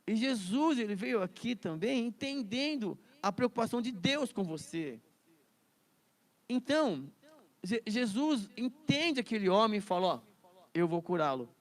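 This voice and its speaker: A man's voice: extremely high pitch, lively intonation, a little slow. A man teaching a Bible study lesson in a chatty way, laughing often and repeating words.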